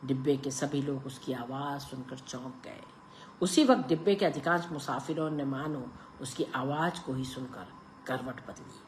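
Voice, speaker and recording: A woman storyteller narrating a story in a slow, hushed delivery. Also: very deep voice, a little hiss or hum.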